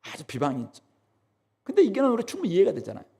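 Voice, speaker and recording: Male pastor delivering a dramatic sermon; high, wide-ranging voice. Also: wildly swooping pitch, racing, creaky, dark tone, breathy edge. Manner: dramatic, rhetorical, asks and answers own questions.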